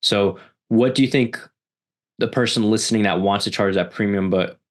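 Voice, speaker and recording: A man's voice: on the low side, moderate pace. A man hosting a business interview, summing up and affirming his guest's points. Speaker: podcast host.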